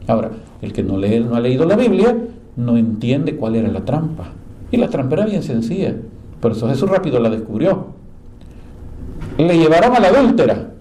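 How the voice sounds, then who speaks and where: A man preaching a sermon to a small group, telling Bible stories and voicing the quoted speakers with lively emphasis. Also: normal speed, long pauses, slight background noise. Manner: animated storyteller, acts out quoted speakers in a higher voice. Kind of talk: sermon, Bible class storytelling. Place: church meeting room with a live group.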